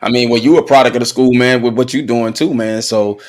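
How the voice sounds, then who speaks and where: A man hosting a podcast, asking questions in a relaxed conversational way. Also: medium pitch, a little fast. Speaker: podcast host. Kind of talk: casual interview talk.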